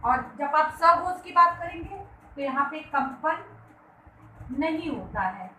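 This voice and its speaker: A woman's voice: sits high, expressive, slow pace, bright, forceful tone. A woman teaching a Hindi grammar lesson to schoolchildren, patient and repeating key phrases as she explains. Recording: echoey room with faint background hiss.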